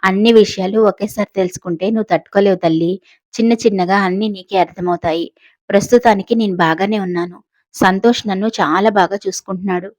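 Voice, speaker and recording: A kindly old man, fatherly and gentle in his reassurances, as a woman narrator plays him in a storybook audio drama. The sound is close and dry. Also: sits high, fairly even intonation, fast talker, no room sound, natural voice. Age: older.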